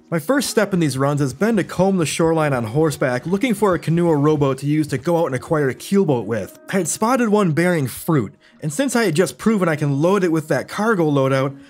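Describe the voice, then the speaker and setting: A man's voice: fairly high pitch, animated, a little fast, hardly any pauses, a little mellow, faint music behind. A man narrating gameplay from a script as a YouTuber, with wry, self-deprecating storytelling. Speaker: gaming YouTuber.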